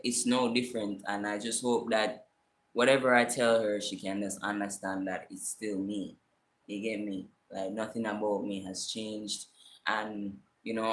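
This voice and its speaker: A young man in his twenties with a Jamaican accent, telling a personal story in a casual livestream, animated and emphatic, often asking "you see me?". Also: on the low side, a little hiss or hum. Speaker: vlogger. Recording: echoey room.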